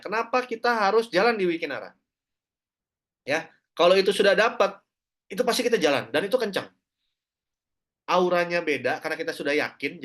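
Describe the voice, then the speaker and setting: Animated man giving a sales pep talk. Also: on the high side. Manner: animated, acts out quoted voices, addresses listeners directly. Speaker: network marketing speaker. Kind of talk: motivational talk to an audience.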